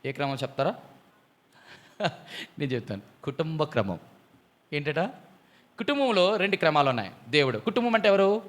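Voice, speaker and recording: A man preaching a Bible study sermon, often putting questions to his listeners and swinging from loud exclamations to low, quiet emphasis. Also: big pitch swings, normal speed, long pauses. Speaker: pastor.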